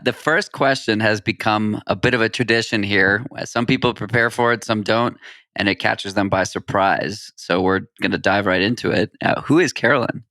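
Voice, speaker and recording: A man hosting a running podcast, reading his intro and sponsor messages in a measured, even way. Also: fairly low pitch, dry recording, studio quality. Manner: measured, reads ad copy evenly. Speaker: podcast host. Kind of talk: scripted podcast intro and ad reads. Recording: music bed underneath.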